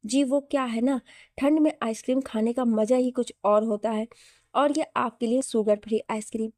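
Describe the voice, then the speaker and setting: A woman's voice: fairly high pitch, fairly even intonation, moderate pace, darkish tone, no room sound, clean studio sound, natural voice. A woman voicing a bold, hungry young office worker who talks bluntly and cheekily. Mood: sweet.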